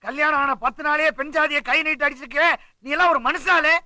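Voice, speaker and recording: A man's voice: extremely high pitch, fairly even intonation, quick pace, heavy background noise. An actor playing an angry in-law who berates his son-in-law in a Tamil film. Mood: furious. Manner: scolding, insulting.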